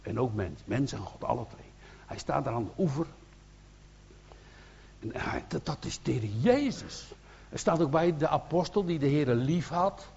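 Husky Dutch evangelist preaching earnestly. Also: male voice, medium pitch, lively intonation, normal speed, pauses often, a little mellow, lo-fi sound. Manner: earnest, repetitive restarts, rising to emphatic bursts. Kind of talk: sermon.

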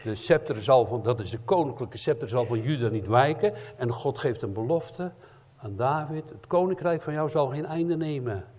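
A man preaching a sermon in as an evangelist, emphatic, swinging between loud cries and quiet earnest asides. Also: on the high side. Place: church hall. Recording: dull lo-fi sound in a reverberant church hall.

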